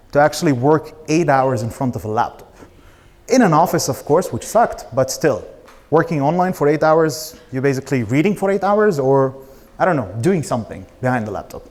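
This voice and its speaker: A man in his thirties from Israel who speaks Arabic, talking as a startup founder in an informal, blunt personal way. His voice is medium-pitched and a little mellow, and his manner is casual and direct, with swearing.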